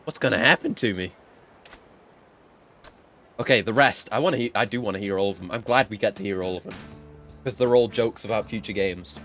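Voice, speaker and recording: A man's voice: fairly low pitch, a little fast, pauses often, fairly bright tone. A man giving casual playthrough commentary, reading game dialogue aloud and adding joking, sarcastic asides. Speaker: video game streamer. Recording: game music behind the voice.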